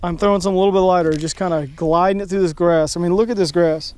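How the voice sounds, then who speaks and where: A young man from Texas in a kayak on an open lake, talking excitedly to viewers as he fishes, recorded on a head-mounted action camera. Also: high-pitched, racing, smooth. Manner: excitable, talks to viewers while fishing. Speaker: fishing vlogger. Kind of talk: casual first-person fishing commentary.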